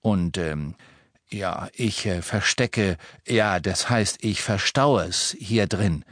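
A man's voice: low voice, fairly bright tone, no echo, studio quality, heavily acted. A man voicing a fretful middle-aged wizard father who talks hesitantly in an audiobook. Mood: sheepish. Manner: hesitant, sheepish, halting.

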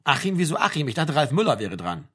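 Dry, laconic young man, read by a male narrator; raised, slightly husky voice. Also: fairly high pitch, very animated, fast, a bit bright. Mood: dry, wry.

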